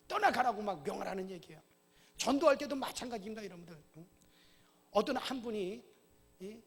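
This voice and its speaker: A man preaching a sermon as pastor to his congregation in a church, often checking in with a quick "eh?" and rising into loud commands. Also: sits high, breathy edge. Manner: asks the congregation "어?" often, shouts commands at Satan. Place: church sanctuary. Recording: long church hall reverb.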